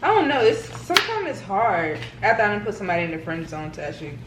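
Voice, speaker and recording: A woman guest in a casual chat, answering in a laid-back, unhurried way. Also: medium pitch, very animated, echoey room, far from the mic, background noise. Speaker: guest friend.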